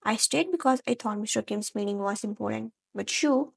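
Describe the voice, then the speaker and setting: A woman's voice: fairly high pitch, brisk, vocal fry, husky. A woman voicing a remorseful young man who stammers as he pleads with his girlfriend in a fan-fiction audio story. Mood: pleading. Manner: stammering, earnest, breaking voice.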